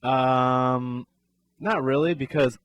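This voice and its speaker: A man co-hosting a casual sports talk show, mid-pitched and relaxed. He walks through plays in detail and laughs easily. The sound is dry and close, with no room echo. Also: takes it slowly, smooth, lo-fi sound. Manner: laid-back, recounts plays in detail with laughs. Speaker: co-host.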